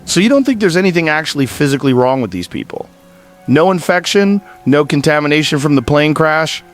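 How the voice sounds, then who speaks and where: In a radio drama, a man with a fairly high, sing-song voice plays a curious, skeptical news interview host, speaking a little fast as he probes with mild incredulity. Background music plays under his voice.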